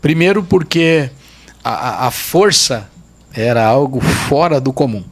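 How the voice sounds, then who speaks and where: A pastor recounting a testimony on a podcast, his voice sitting at an ordinary middle pitch for a man. He tells the story emphatically and vividly. He often repeats phrases to drive a point home. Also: measured pace. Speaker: pastor and guest.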